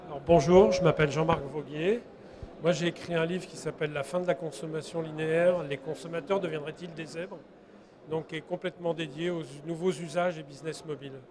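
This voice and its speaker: A man's voice: a little high, steady tone, fairly quick. A man introducing himself plainly on a panel, with crowd noise in the recording. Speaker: panelist, author.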